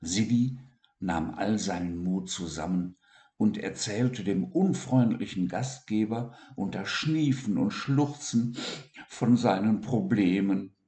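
A man reading a children's story aloud in a calm, expressive narrating voice. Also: on the low side, takes it slowly. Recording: roomy echo.

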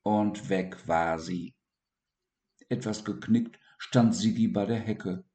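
A man reading a children's story aloud in a calm, expressive narrating voice. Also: fairly low pitch, takes it slowly. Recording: roomy echo.

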